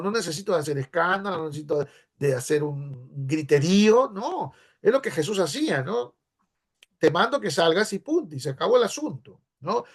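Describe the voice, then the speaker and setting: A man from Peru with a Peruvian accent, a pastor giving a teaching class in a conversational way, often checking in with his listeners. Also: sits high. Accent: Peruvian Spanish. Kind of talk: sermon-style teaching class.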